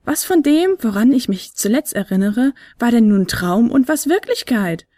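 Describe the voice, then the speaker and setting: A woman voicing Fionella, a small nervous talking flute, in an audiobook, with a high, excitable and easily worried way of talking. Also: no room sound, clean studio sound. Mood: puzzled. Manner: high, excited, quick to worry. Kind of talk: audiobook character voice.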